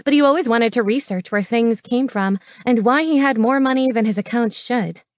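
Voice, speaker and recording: A woman doing a shrill, spiteful young woman. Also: normal speed, dry recording, clean studio sound, close to an everyday voice. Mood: sneering. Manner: shrill, screaming. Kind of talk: audiobook character voice.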